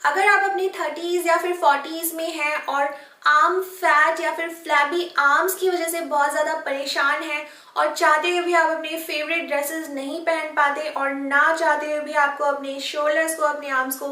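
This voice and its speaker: A woman's voice: sits high, bright, forceful tone. A woman fitness vlogger giving earnest, encouraging instructional advice to camera, switching often into English phrases. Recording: echoey room, mic at a distance.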